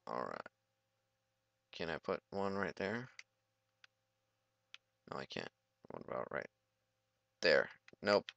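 A man's voice: rumbling low, very animated, slow pace, creaky, pauses often, a bit bright, no echo, muffled recording. A young man giving goofy, rambling let's play commentary and talking back to the game.

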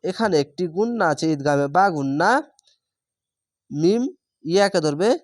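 A man's voice: high voice, lively intonation, moderate pace, dry recording, clean studio sound. A man teaching Quran reading, spelling out each syllable and then drawing out the joined word. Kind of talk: slow spelled-out Quran recitation lesson.

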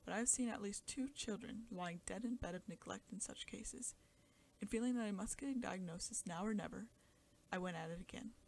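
A woman's voice: medium pitch, brisk, gravelly, a little mellow, a little hiss or hum. A woman reading a classic short story aloud in an intense, often half-whispered dramatic style. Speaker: audiobook narrator. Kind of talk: scripted story narration.

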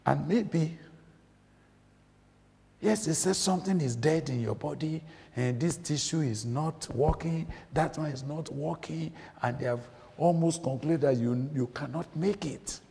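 A man preaching a sermon, impassioned, moving from loud declarations to hushed near-whispers. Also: on the high side, unhurried, vocal fry. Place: church. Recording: church hall reverb.

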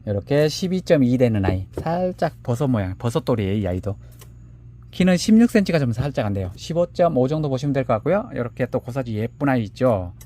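A man presenting handmade succulent pots for sale, measuring each one aloud and calling the pots "little ones" in a gentle, unhurried way. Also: medium pitch, sing-song. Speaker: seller of handmade plant pots. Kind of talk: product showcase live sale.

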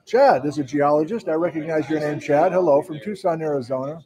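A man's voice: on the high side, normal speed, crowd noise, poor audio. A man hosting a university lecture livestream in casual chat, greeting viewers by hometown. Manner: chatty, reads out viewers' hometowns. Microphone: mic worn by host.

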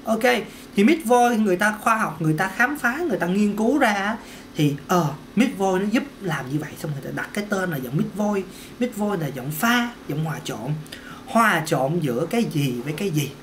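A man's voice: sits high, expressive, brisk, fairly bright tone, a little hiss or hum. A man giving a casual singing lesson, chatty, repeating words and dropping in little "ok"s. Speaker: singing teacher. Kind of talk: casual vocal lesson to camera.

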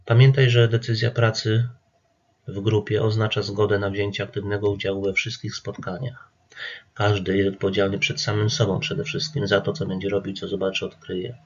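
A man, an addiction therapist, calmly explaining group therapy rules straight to the listener in an instructive presentation. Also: on the low side, moderate pace, lo-fi sound. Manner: calm, instructive, addresses listener directly. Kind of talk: talking-to-camera presentation.

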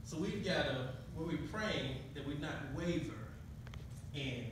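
A man's voice: fairly high pitch, measured pace, background noise. Middle-aged man, minister preaching, call-and-response, handheld mic, heavy room echo, distant recording. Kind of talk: sermon. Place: small church hall. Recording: echoey church recorded from far off.

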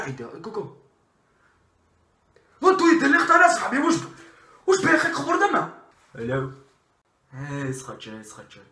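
A young man playing an impatient, bossy Moroccan-Dutch burglar in a comedy sketch, scolding and repeating himself in Moroccan Dutch street slang. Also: fairly high pitch. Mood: brusque. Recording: roomy echo of a bare room.

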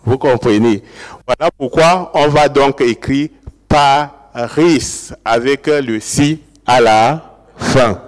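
A man's voice: mid-range voice, slow. A man giving an academic lecture, explaining and repeating key words and checking with his audience whether they follow. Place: large lecture hall. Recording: long hall reverb.

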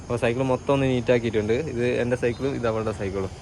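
A man's voice: mid-range voice, steady tone, rapid-fire, a little mellow. A Malayali man chatting casually as he narrates a cycle tour, pointing out sights along the road. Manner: chatty, pointing things out as he rides. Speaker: cycle touring vlogger. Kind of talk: casual travel vlog narration. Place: outdoors on roads while cycling. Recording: noisy outdoor traffic and wind. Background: traffic and wind.

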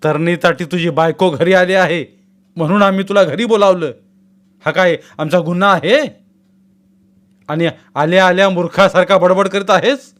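A man voicing a stern, angry older father in a storybook reading, scolding loudly. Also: sits high, moderate pace, voice pushed up. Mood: furious.

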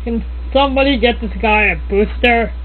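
A man voicing a bank teller in an amateur comedy cartoon, with snippy, drawn-out politeness. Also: very high voice, phone-quality sound. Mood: snippy, unhurried.

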